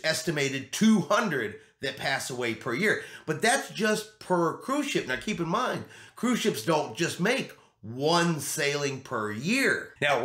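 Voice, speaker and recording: In a small indoor home studio, a middle-aged man hosts a vlog, explaining to camera emphatically and going back over his key points. His pitch is fairly high and a little bright, and the room gives the audio a roomy echo.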